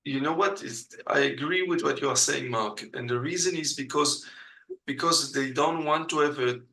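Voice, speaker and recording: A Belgian man, appearing as a guest in a casual interview, has a gravelly voice that is still bright and forward, pitched at a medium level. He speaks hesitantly with non-native grammar, filling his pauses with lots of "uh."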